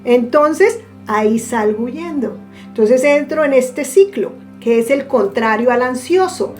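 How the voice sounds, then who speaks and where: A woman with a high voice gives a spiritual talk at an unhurried pace and draws out the words she wants to land. Soft music plays faintly underneath. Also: animated. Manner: slow, deliberate, stretches key words for emphasis. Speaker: spiritual teacher. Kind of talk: reflective teaching monologue.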